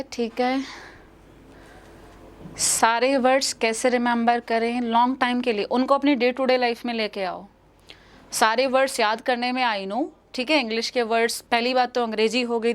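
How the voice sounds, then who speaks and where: Speaking at normal speed in a slightly high, steady voice, a young Indian-accented English teacher runs a live exam-prep lesson. She goes over every question and answer twice and addresses her students as "beta."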